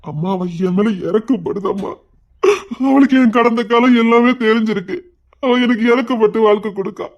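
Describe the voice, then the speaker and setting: A guilt-ridden young man from a television drama, crying through an anguished confession. His voice sits high for a man, and he sounds pained and tearful throughout. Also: moderate pace, muffled recording. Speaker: son. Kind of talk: TV serial acting.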